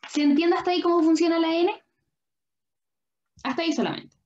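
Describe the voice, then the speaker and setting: A young woman tutoring biology speaks with an extremely high, darkish-toned voice at a slightly fast pace. In an online lesson at a drawing board, she explains patiently and asks frequent questions to check students are following. The class audio is dull and lo-fi.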